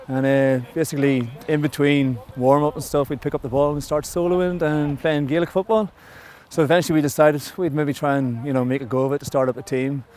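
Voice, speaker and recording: An Irish man in a documentary interview, telling in a relaxed, plainspoken way how his club got started. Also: on the high side, fairly quick, hardly any pauses. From Ireland. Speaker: club player.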